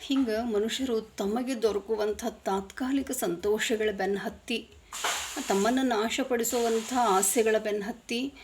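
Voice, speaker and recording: A woman's voice: fairly high pitch, steady tone, unhurried, darkish tone, slight background noise. A woman telling moral stories in an earnest, emphatic way. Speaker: moral storyteller. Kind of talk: moralizing storytelling talk.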